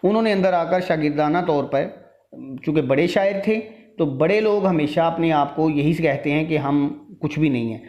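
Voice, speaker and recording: A man's voice: a little high, a little mellow, lo-fi sound. A man teaching a literature lesson, explaining a text word by word and sounding tired from long talking. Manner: explains each word and line step by step.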